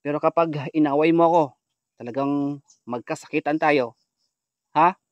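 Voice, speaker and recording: Male ghost-hunter vlogger, high voice, dry close sound, hushed asides then loud calls. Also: normal speed, no room sound, dull audio. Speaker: paranormal vlogger. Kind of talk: ghost-hunting vlog narration.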